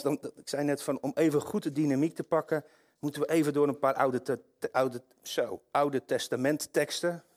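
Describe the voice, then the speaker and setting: A male pastor preaches with mounting passion. His delivery moves from quiet, reflective stretches to loud, fervent passages. His voice sits at an ordinary middle pitch. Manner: impassioned, swings from hushed to loud. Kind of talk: sermon.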